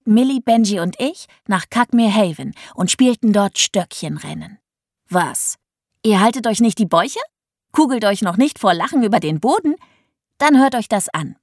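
A woman tells a comic first-person children's story in a playful, teasing way and speaks straight to her young listeners. Her pitch swings widely and with a lot of life. The recording is close and dry, like a studio audiobook. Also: dry recording. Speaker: audiobook narrator.

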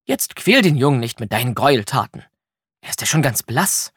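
A man's voice: mid-range voice, very animated, brisk, fairly bright tone, breathy edge, no room sound, clean studio sound, heavily acted. A man doing an elegant, fussy ghost mum. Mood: indignant. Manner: proper, indignant.

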